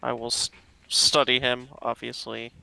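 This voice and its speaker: A man's voice: mid-range voice, little pitch movement, unhurried, creaky, bright, forceful tone, poor audio. A man playing a tabletop game, thinking aloud in casual talk.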